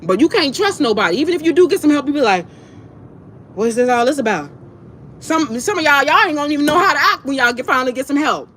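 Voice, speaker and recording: Rapid-fire with few pauses, her high, animated voice sounds a bit bright as she eats and speaks to livestream viewers. She's a female host giving a casual, impassioned monologue, blunt and emphatic, with repetitive profane slang. Background noise is clear.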